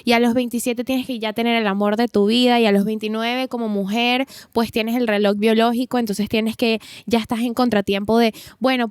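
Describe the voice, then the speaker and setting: A woman's voice: a little high, smooth, no room sound, studio quality. A woman in her twenties co-hosting a podcast, talking in long reflective runs in casual chat. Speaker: podcast co-host.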